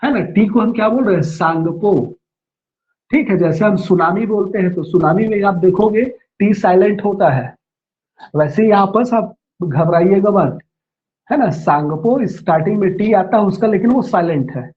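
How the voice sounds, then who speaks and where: A man with a fairly high voice gives a classroom lecture. He repeats each term slowly and spells it out, then checks with his listeners before going on. The sound is dull and lo-fi, like a low-grade online class recording. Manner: checks in with "है ना" and "ठीक है". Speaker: teacher.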